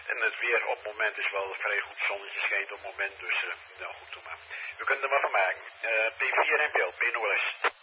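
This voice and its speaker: A man with a cold, chatting casually and haltingly as a folksy amateur radio participant. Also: fairly low pitch. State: has a cold. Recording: slightly noisy, dull radio transmission.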